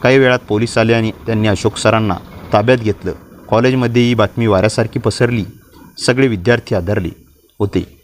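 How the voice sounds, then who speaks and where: Low-voiced man narrating a story. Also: a little fast, slight background noise. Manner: steady dramatic reading.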